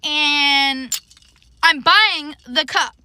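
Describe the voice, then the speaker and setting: A woman's voice: sits high, extremely slow, bright, forceful tone, no room sound. A woman barista defiantly ranting direct to camera at her viewers. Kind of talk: casual direct-to-camera rant.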